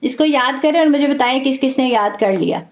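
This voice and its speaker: A woman teaching a recitation class, patiently repeating each word slowly and often checking in with her students. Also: sits high. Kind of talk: online class lesson, slow repetition drills. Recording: roomy, dull lo-fi audio.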